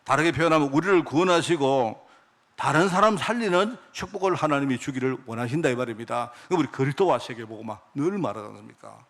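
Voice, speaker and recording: Animated and fast, a middle-aged pastor with a mid-range voice preaches to his congregation, asking them questions he then answers himself. His phrases often end in a hushed aside.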